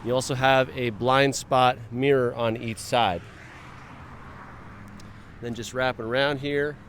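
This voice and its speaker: With a medium-pitched, slightly bright voice and some faint hiss or hum, a man narrates a laid-back dealership car walkaround. He talks to himself in passing as he works his way from outside the car into its interior.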